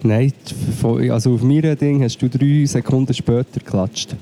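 A man with a Swiss German accent co-hosts a podcast from home while sick and coughing, chatting casually over a remote call and complaining about the connection. His mid-range voice is steady and dark at a moderate pace, with slight background noise.

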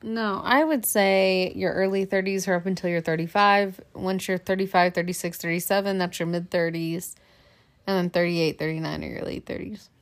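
A woman's voice: lowish voice, steady tone, normal speed. A woman co-hosting a casual podcast chat with her husband, chatty, laughing often, full of fillers. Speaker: podcast co-host.

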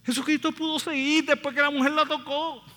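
A high-voiced man preaching with fervor, his bright, ringing tone carrying through a church sanctuary. His words echo with a long hall reverb as he retells scripture with passion. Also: little pitch movement, a little fast. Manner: impassioned preaching, acting out biblical dialogue. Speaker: pastor. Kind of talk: sermon.

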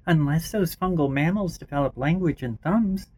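A man's voice: a little high, moderate pace, a little mellow, slightly rough, voice pushed up. A man voicing a female-voiced AI companion in a homemade story reading, dry and sarcastic.

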